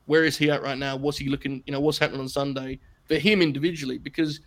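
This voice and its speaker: A man's voice: mid-range voice, fairly even intonation, quick pace, fairly bright tone. A man co-hosting a casual podcast, rambling through his points with plenty of fillers. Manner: rambling analysis with many "like"s. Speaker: podcast co-host.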